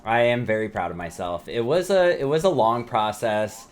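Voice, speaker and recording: A man's voice: medium pitch, sing-song, normal speed. A man co-hosting a casual podcast, talking in a playful, joking way. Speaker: podcast co-host.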